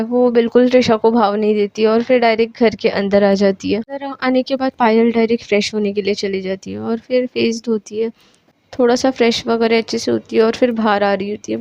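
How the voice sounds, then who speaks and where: A woman's voice: on the high side, a little mellow, no room sound, highs cut off. A woman casually narrating a romantic story, chatty and mixing in English words, correcting herself as she goes.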